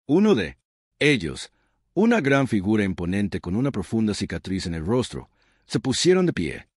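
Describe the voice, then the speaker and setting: A man reads a science-fiction story aloud as narrator, in an expressive storytelling manner. His voice sits fairly low and moves through a wide, animated pitch range. The recording is dry and close, with no room echo. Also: normal speed.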